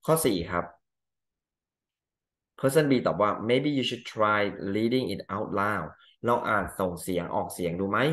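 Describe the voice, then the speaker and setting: A man with a fairly low voice walks through exam answers as an English teacher. He reads each English sentence out slowly, then explains it in a loose, chatty way. The room is echoey.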